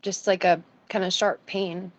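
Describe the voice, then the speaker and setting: A woman's voice: fairly low pitch, level tone, a little slow. A woman taking part in an online healing session over a video call. She answers in brief, hesitant replies. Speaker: session participant. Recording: dry, dull-sounding video call audio.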